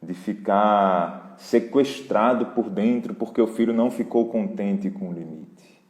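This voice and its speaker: A man with a Brazilian accent, hosting a live parenting Q&A in a relaxed, conversational way and talking straight to his viewers. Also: fairly low pitch, a little slow. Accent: Brazilian Portuguese. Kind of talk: casual live Q&A talk. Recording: roomy hall echo.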